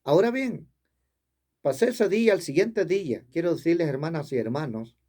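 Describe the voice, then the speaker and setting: A man's voice: a little high, animated, moderate pace, dark tone. A man preaching a sermon, telling a personal story in an earnest way and repeating his phrases. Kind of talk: sermon testimony.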